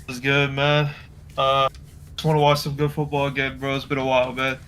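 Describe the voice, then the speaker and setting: A man's voice: medium pitch, completely flat delivery, fairly quick, a bit bright, slight background noise. A man chatting casually about football as a panelist on a podcast.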